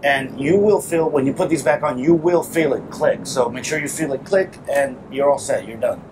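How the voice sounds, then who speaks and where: This man speaks at a normal speed in a mid-range voice. He's a motorcycle vlogger, probably in his thirties, hosting a relaxed how-to video from a small garage as he works, and the recording carries obvious workshop ambience.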